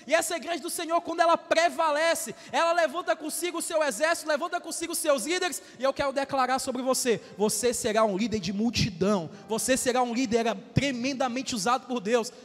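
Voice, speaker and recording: A Brazilian pastor in his twenties preaching a sermon with loud swells and calls for amens. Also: very high voice, big-room sound. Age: 20s. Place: church hall.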